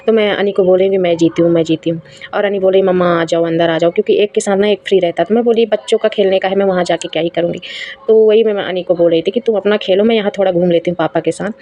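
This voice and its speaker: Young mom vlogger, quick chatty narration, low flat voice. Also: female voice, muffled recording. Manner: chatty, laughing, addresses viewers as guys. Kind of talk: casual vlog voice-over narration.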